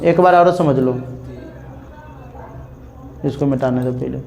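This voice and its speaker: A young man with a Bihar Hindi accent teaching a grammar lesson to a class. He slowly spells out examples, repeats words, and keeps checking with "clear?". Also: medium pitch, a little mellow, muffled recording.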